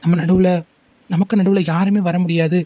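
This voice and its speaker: A woman's voice: fairly low pitch, little pitch movement, no echo, phone-quality sound, lightly acted. A woman voicing a loving, protective young man in a homemade cartoon, soothing and reassuring. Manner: soothing, reassuring, quick talking. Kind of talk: homemade animated cartoon dialogue.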